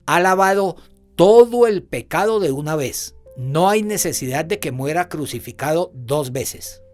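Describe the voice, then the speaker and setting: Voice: medium pitch, animated, unhurried, a little mellow, faint music behind. An interpreter delivering a sermon in the first person, preaching fervently with emphatic, repeated assurances.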